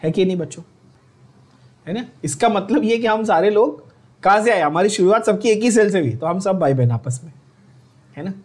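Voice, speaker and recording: A young Indian man gives a biology lecture in a high, light voice. He chats and jokes with his students, then drops to a slow, deliberate pace to dictate the lines they must remember. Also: animated, a little mellow. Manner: chatty, joking asides, slows right down to dictate English lines. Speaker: biology teacher. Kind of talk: online exam-prep lecture.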